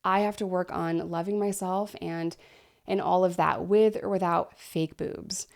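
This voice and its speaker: A woman in her thirties talks candidly into her desk microphone for a personal vlog. Her voice sits low, with a gravelly fry at the edges. She is short of breath and keeps pausing for deep breaths as she chats. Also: steady tone. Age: 30s. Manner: frank, chatty, breathy pauses for deep breaths. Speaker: vlogger.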